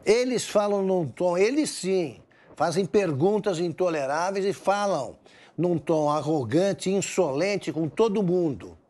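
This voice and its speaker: A man's voice: sits high, expressive, unhurried, a little mellow. A man commenting on politics with indignation and scorn, firing off rhetorical questions. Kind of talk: heated opinion commentary.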